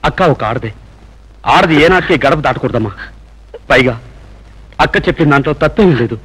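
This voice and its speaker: A man playing a younger brother who quietly and resignedly agrees to leave home, in a dubbed film drama. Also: on the high side, expressive, fairly quick, slightly rough. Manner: quiet, resigned, soft-spoken. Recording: film soundtrack with music.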